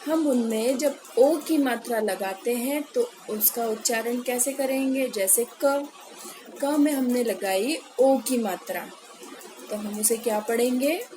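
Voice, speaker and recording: A woman teacher leads a children's phonics lesson at a very slow, deliberate pace, stretching each word out for young learners. Her voice sits a little high, and she keeps checking in with the class. A clear layer of noise runs under the recording. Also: warm tone. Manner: slow, patient, drawn-out repetition of words for children; frequent "है ना" check-ins with pupils. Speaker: primary school Hindi teacher.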